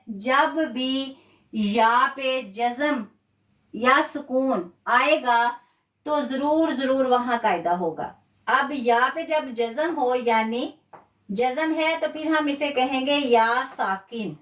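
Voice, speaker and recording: In a live online lesson on Quran recitation rules, a woman speaks in a high voice that sounds roomy and distant from the microphone. Her explanations are slow and patient, with key words repeated.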